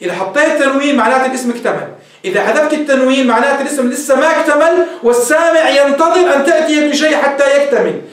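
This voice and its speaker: A man teaching a grammar lesson, reading from a text and explaining it step by step in a mix of formal and colloquial speech. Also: extremely high pitch. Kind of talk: recorded lecture. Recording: echoey room, distant mic.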